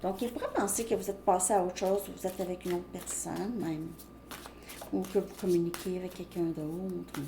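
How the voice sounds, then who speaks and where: A woman's voice: on the low side, fairly even intonation, moderate pace. Woman, tarot reader, chatty and loose, roomy echo with faint hiss. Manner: chatty, thinking aloud with many fillers and "ok?". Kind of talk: casual tarot card reading to viewers. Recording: echoey room, faint background noise.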